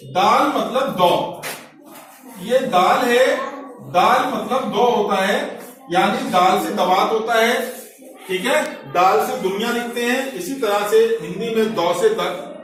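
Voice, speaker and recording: A man's voice: high-pitched, a bit bright. A man teaching Urdu letters in a classroom, explaining patiently and often checking "ठीक है?". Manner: slow, explanatory, repeats each letter with example words and checks "ठीक है?". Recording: very echoey room, mic far off, faint noise.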